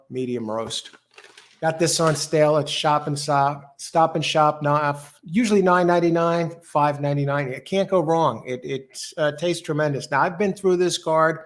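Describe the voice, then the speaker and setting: Male host, slightly higher pitch, casual live racing-show chat.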